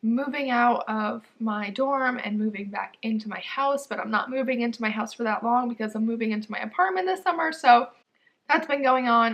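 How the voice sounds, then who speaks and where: A woman's voice: on the high side, fairly bright tone. Chatty young woman vlogging. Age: young adult. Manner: chatty, lots of "like", bubbly with quick laughs. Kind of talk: casual sit-down chat to camera.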